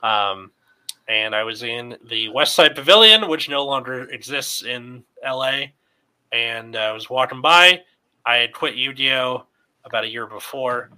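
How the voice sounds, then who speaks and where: A man's voice: medium pitch, lively intonation, measured pace, bright, forceful tone, low-quality recording. A man in his twenties hosting a casual podcast chat, rambling and swearing freely. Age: 20s. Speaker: podcast host.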